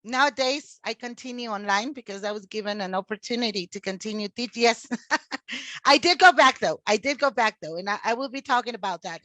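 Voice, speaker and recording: A woman's voice: fairly high pitch, fairly bright tone, no echo. A woman in her forties from Mexico, a teacher talking as a podcast guest, chatty with many fillers and restarts. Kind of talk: casual interview talk.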